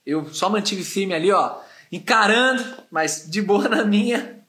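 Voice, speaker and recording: High-voiced animated São man. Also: measured pace. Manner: animated, slangy, expressive. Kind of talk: casual storytelling testimony.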